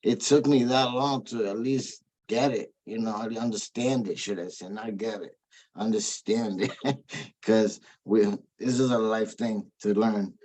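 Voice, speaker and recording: A man, a former treatment client, giving a heartfelt, emotional testimony in a halting, rambling way, with many "you know what I mean" asides. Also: lowish voice, steady tone, a little mellow, rough recording. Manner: emotional, sincere.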